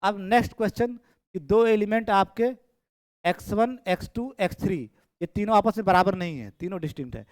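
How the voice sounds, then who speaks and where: This male maths teacher's voice sits high and moves briskly as he lectures in a classroom, recorded dry by a camera in the room. He's chatty, says things over again, and goes through students' copies out loud.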